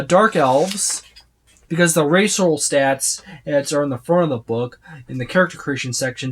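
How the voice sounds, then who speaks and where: This tabletop gaming reviewer walks through a book casually and without a script, rambling and often listing things one at a time. His voice is fairly high and a bit bright, with slight background noise behind it.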